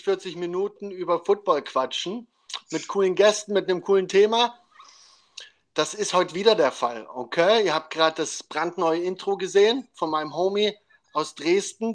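A man hosts his football talk show in an upbeat, slangy way, tossing in English phrases. His voice sits fairly high for a man. He talks casually and keeps the energy up. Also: fairly bright tone. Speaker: podcast host. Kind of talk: casual chat.

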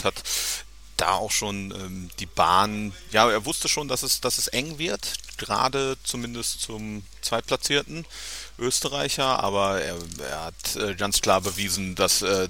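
A male sports reporter joins a podcast as a guest, his voice low and sharp. He hesitates often, repeating words and filling pauses. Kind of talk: podcast interview.

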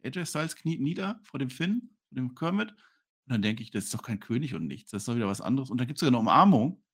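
A lively man talking fast on a podcast, his voice a little husky. He jumps around in pitch as he jokes and acts out lines from a wrestling show. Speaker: podcast co-host reviewing wrestling. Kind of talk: casual chat.

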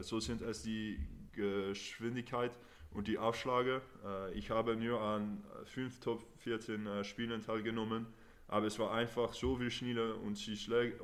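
A man from the Netherlands, a podcast guest answering questions carefully with frequent hesitations. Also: on the low side. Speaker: podcast guest, rugby player. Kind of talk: interview answers.

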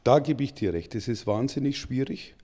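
A man's voice: medium pitch, moderate pace, mellow. A middle-aged man co-hosting a German football podcast in casual chat, rambling and chatty with frequent fillers. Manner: rambling, chatty, says "ich sag mal" a lot. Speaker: podcast co-host.

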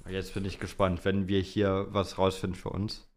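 Delivering everything completely flat in a low voice at a moderate pace, this male podcast co-host casually discusses motor racing. He's opinionated and teasing, slipping English words into German.

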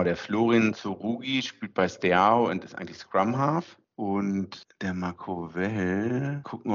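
A man hosting a casual podcast chat, hesitant with many fillers, heard through a low-quality recording. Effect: low-quality, muffled recording. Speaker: podcast host. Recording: muffled lo-fi recording away from home.

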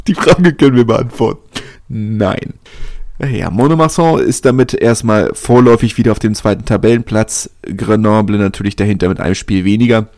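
A man's voice: fairly low pitch, moderate pace, a little mellow, no echo, clean studio sound. A man hosting a podcast, talking through his thoughts in a casual, chatty way and often restarting his sentences. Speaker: podcast host. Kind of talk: casual spoken commentary.

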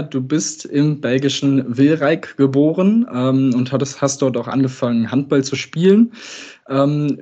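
A man's voice: mid-range voice, warm tone. A man interviewing a guest, asking questions with friendly hesitation and fillers. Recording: slightly muffled recording.

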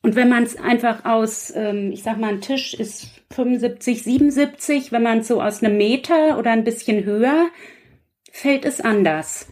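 This guest author and quiz writer keeps the casual conversation chatty and self-deprecating. Her slightly high voice carries a darkish tone, moving at normal speed.

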